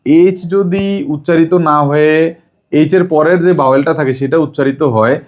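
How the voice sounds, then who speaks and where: A man's voice: fairly high pitch, fairly even intonation, moderate pace, a little mellow. A man teaching English grammar to a child, asking questions and repeating the answers. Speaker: English tutor. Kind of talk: home tutoring lesson.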